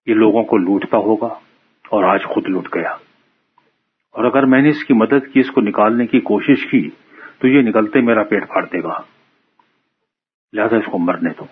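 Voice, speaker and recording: A man's voice: on the low side, long pauses, husky. A man voicing a pompous, self-serving older priest who frets and scolds in a storybook tale. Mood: fretful. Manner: suspicious, scolding, self-justifying. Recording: muffled phone-like radio sound.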